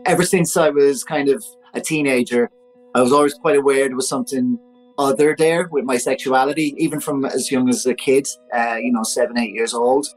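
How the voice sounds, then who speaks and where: A man in his forties, a podcast guest telling a personal story in a chatty, animated way full of fillers. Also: mid-range voice, a little fast, faint music behind, rough recording. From Ireland. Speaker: interview guest.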